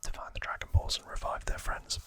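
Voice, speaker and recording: A man whispers breathily and unvoiced as host of an ASMR recap, his explanations casual and halting. His whisper sounds slightly bright.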